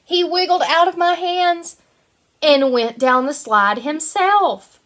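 Reading aloud to young kids, a woman in her 20s who teaches kindergarten performs a picture book in an animated, sing-song voice. She pitches high and takes it slowly.

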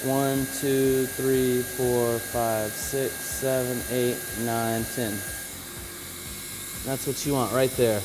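A man who installs flooring, giving a casual on-the-job demonstration, relaxed and practical as he talks while working. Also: medium pitch, very slow, background noise. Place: indoor work floor.

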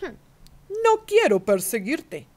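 A woman voicing a crafty coyote who talks slowly and coaxingly. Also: a little high, big pitch swings. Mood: sly. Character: sly, smooth-talking coyote, adult male.

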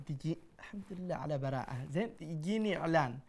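A man playing a blustering, middle-aged father who curses quickly and talks loudly in exasperation, in a comedy sketch. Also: on the high side, lively intonation. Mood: teasing. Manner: loud, exasperated, rapid cursing. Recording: music playing behind the voice.

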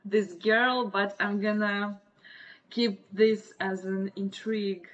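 A woman's voice: mid-range voice, little pitch movement, takes it slowly. A woman in her twenties from Russia with a Russian accent, hosting a casual livestream chat. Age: 20s. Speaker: livestream host. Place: small indoor room. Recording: muffled lo-fi webcam stream audio.

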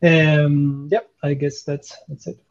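A man's voice: a little high, flat delivery, slow, gravelly, darkish tone, muffled recording. A man with an Argentine Spanish accent introducing himself casually as a director of technology. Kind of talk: casual panel discussion.

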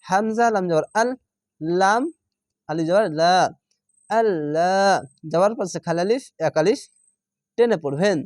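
A man's voice: sits high, a little slow, pauses often, a little mellow, no echo, clean studio sound. A man teaching Quran reading, patiently spelling out Arabic letters and syllables one by one and drawing out the long vowels for learners. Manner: patient and methodical, repeats syllables and draws out vowels.

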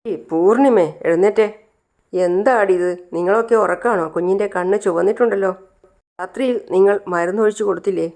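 A woman's voice: mid-range voice, fairly quick, a little mellow, natural voice. A woman voicing a stern older grandmother who lectures and scolds. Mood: scolding.

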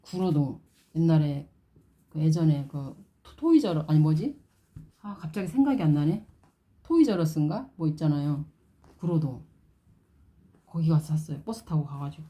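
A woman's voice: sits low, animated, moderate pace, pauses often, warm tone. A middle-aged woman chatting casually in a vlog and cooing in doting baby talk to her baby dolls. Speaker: vlogger. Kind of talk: casual doll-play vlog.

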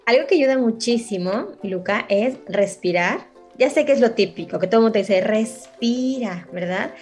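A woman's voice: mid-range voice, animated, brisk, a little mellow, faint music behind. Patient woman psychologist explaining. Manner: patient, explanatory, often asks the listener "¿verdad?". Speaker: psychologist guest. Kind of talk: radio interview for children.

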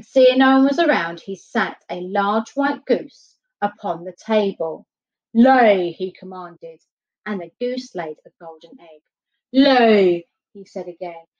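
Woman reading a storybook aloud. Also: mid-range voice. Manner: expressive, unhurried reading. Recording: dull lo-fi recording.

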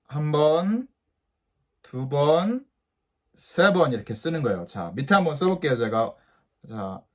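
A man giving a patient beginner English lesson to mothers, saying each letter and asking the listener to repeat it three times. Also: a little high.

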